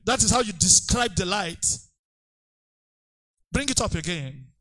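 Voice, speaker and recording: A male preacher giving an excitable sermon, leading the congregation in call-and-response declarations. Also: high-pitched, measured pace, poor audio. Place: church service.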